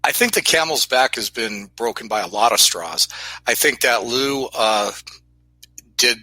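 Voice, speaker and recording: A man's voice: mid-range voice, animated, measured pace, sharp tone, rough recording. A man speaking as an interview guest, explaining things in an earnest, emphatic conversational way.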